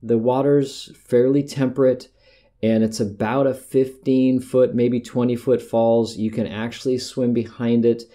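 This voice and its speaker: A man's voice: mid-range voice, little pitch movement, a little slow, dark tone. A middle-aged American man talking casually about hiking in a rambling, conversational monologue, often correcting himself mid-sentence. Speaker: podcast host.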